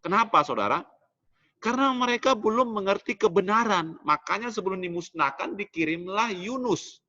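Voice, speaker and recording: A middle-aged man delivers a sermon in a bright, animated preaching voice. His pitch rises for emphasis and falls low on the asides. The church recording sounds dull and lo-fi. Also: normal speed. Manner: animated preaching, often drops low on "Saudara". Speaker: pastor.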